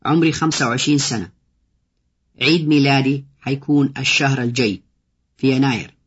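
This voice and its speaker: A man with a husky voice reads out short lesson phrases one at a time, pausing after each. The recording is dull and lo-fi. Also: mid-range voice, a bit bright. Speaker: language teacher. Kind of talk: slow read-aloud language drill.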